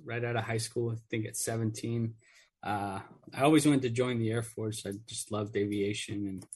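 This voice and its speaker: Male guest, Mexico-born vet, earnest and filler-heavy, average pitch. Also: steady tone, normal speed, a little mellow, breathy edge. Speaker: guest, Air Force veteran. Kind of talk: casual radio interview.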